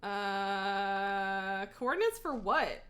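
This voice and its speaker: A woman's voice: mid-range voice, lively intonation, very slow, a bit bright, faint music behind. A woman livestreaming a video game, chatting casually and informally, thinking aloud and jumping between thoughts with self-mocking humor. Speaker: video game streamer, host. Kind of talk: casual gameplay livestream chat.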